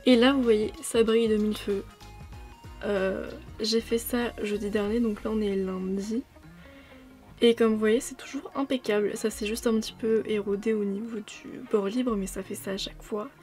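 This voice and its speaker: A woman's voice: mid-range voice, steady tone, moderate pace, a little mellow, soft background music. A woman chatting casually to camera as a beauty vlogger, rambling with frequent fillers. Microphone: new proper microphone.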